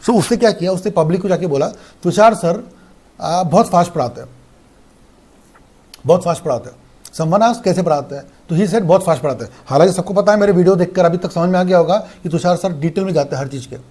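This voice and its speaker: A young man teaching law in a fast, animated online lecture that mixes in English. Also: sits high. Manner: fast-talking, animated, repetitive.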